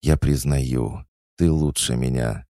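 A man's voice: very deep voice, a little slow, no echo, clean studio sound. A man doing a tearful, indignant young noblewoman. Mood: humiliated.

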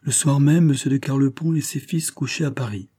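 Brief: male narrator, low dark voice, slightly husky, calm measured audiobook reading. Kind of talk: scripted narration of a novel.

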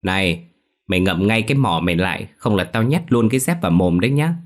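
A man voicing a blunt, quick-tempered village boy in a spoken ghost story. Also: fairly low pitch, lively intonation, husky. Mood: irritated. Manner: blunt, threatening.

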